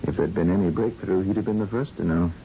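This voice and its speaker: This male actor talks quickly with a warm tone, voicing a tired, grim scientist in a radio play done in 1970s style. He comes across as blunt and resigned, his mood one of grim resignation. It sounds like an old, muffled, noisy broadcast with a low rumble.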